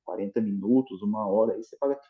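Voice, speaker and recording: A man's voice: lowish voice, quick pace, phone-quality sound. A Brazilian man with a Brazilian Portuguese accent, a guest in a casual interview, explaining at length with many restarts and fillers.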